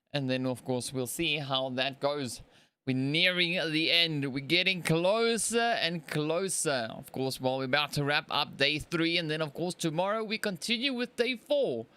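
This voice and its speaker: A man's voice: a little high, pushed and bright, clean tone. A man casting a mobile battle royale tournament alone on a live stream, chatty and rambling, with lots of fillers and laughs at his own slips. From Africa. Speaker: esports caster. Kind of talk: solo live stream commentary.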